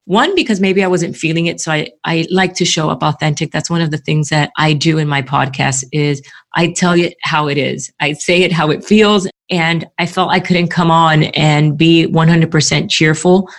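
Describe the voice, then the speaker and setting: A woman guesting on a podcast, talking in a warm, reflective and candid way in casual conversation. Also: low voice, fairly even intonation, normal speed.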